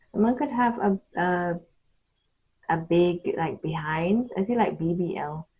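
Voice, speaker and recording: A woman giving an improvised mystical tarot reading straight to the viewer, speaking in short, halting phrases with pauses between them. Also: on the low side, breathy edge, phone-quality sound. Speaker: tarot card reader hosting readings.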